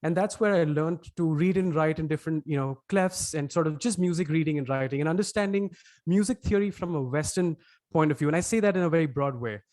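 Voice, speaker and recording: A man from Mumbai with an Indian accent, a podcast producer answering interview questions in a webinar, talking at length with many pauses and restarts. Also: on the high side, a little mellow, dry recording, clean studio sound. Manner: thoughtful, elaborate, frequent "uh" and restarts.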